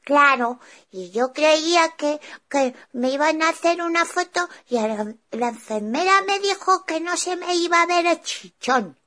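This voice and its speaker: A woman's voice: high-pitched, expressive, a little slow, pushed and bright, heavily acted. A woman playing Lío, a chatty little boy. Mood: earnest. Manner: eager, breathless retelling with stammered restarts. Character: young boy, cheerful and chatty. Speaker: child character telling a story. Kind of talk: children's show storytelling.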